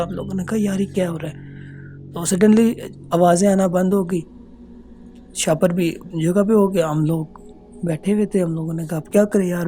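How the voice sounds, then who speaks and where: A man telling a true ghost story as a casual voice note, earnest and hesitant, pausing often. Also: sits high, dark tone. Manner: earnest, unhurried, hesitant with many pauses. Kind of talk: casual spoken recounting of a true horror experience. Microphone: phone voice note.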